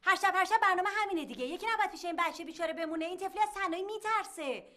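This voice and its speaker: A woman's voice: very high-pitched, fairly bright tone. An actress playing a bossy older sister who scolds her brother, in TV sitcom acting. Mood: scolding.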